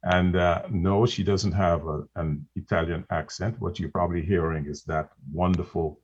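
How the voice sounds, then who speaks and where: A man with a very deep, husky voice talks in a relaxed podcast discussion. He often stumbles and repeats words before finishing his thoughts. The recording sounds muffled and lo-fi. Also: moderate pace. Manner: hesitant, with many restarts and repeated words. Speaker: podcast co-host.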